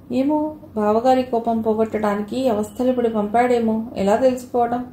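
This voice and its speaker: A woman narrates a novel in a steady, measured reading. Her voice is warm and mellow, and it rings with a room echo. A faint hiss sits behind it. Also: a little high. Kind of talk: scripted narration.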